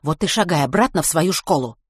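A woman voicing a strict, suspicious female deputy head teacher who scolds loudly. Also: deep voice, lively intonation, a little fast, breathy edge, dry recording, clean studio sound. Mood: threatening.

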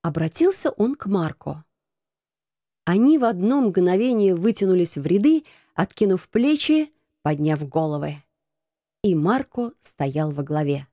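A woman narrating a children's novel as an audiobook, in a steady, expressive reading. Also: on the low side, measured pace, no room sound, clean studio sound. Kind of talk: scripted narration.

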